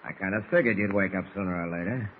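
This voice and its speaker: An actor playing a tough, threatening smuggler boss with slangy gangster bluster in an old radio serial. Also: male voice, sits low, fast talker, lightly acted. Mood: gloating, menacing. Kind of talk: 1940s radio serial acting. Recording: muffled, hissy old radio recording.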